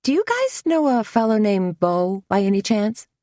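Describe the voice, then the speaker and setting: A woman voicing Tony, a wisecracking middle-aged woman friend in an audiobook mystery, playful and quick. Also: low voice, animated, darkish tone, dry recording, clean studio sound. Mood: bold. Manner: wry, exasperated, fiery. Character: feisty middle-aged woman caught in a jam, joking.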